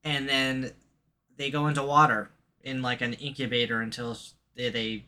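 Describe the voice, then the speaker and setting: Male co-host, bright, sharp voice, relaxed and sweary, quick to agree. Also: medium pitch. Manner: profane, laid-back, lots of short agreements. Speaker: podcast co-host. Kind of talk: casual chat.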